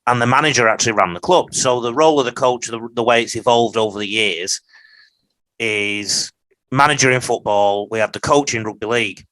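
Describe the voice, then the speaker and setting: A man's voice: medium pitch, a little fast, a bit bright, no room sound, rough recording. A man co-hosting a podcast, giving a long, opinionated, rambling take in casual conversation. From England. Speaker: podcast co-host.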